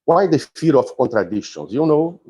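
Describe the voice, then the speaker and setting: A man giving an academic conference lecture, deliberate and explanatory, often halting and restarting his phrases. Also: mid-range voice, big pitch swings, a little mellow, slightly rough. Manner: halting, with frequent restarts and fillers. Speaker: philosophy professor giving a talk.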